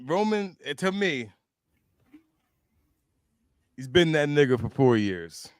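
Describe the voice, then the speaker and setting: A blunt, animated man trades jokes and opinions in a casual chat. His pitch rises and falls freely around a middle register, and the sound is close and dry. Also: slow pace, smooth, dry recording. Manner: animated, blunt, joking and swearing. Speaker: co-host and wrestling fan.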